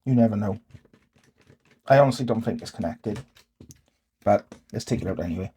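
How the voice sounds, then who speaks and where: Speaking at a moderate pace in a warm, lowish voice, the host of a DIY repair channel casually thinks aloud to himself in tentative, short phrases as he does hands-on repair work. There's a little hiss or hum in the audio.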